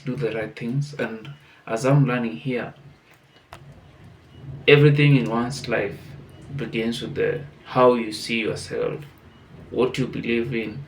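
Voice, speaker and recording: Brief: male host with a gravelly, creaky voice, earnestly encouraging viewers, casual pace. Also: lowish voice, slight background noise. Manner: earnest, motivational, many restarts. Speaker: channel host commenting. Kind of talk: casual reflective monologue.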